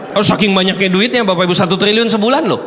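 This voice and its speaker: A middle-aged man giving an animated, joking motivational talk to a seminar audience. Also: high-pitched, fast talker, a faint crowd, slight background noise. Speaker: motivational speaker. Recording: long hall reverb.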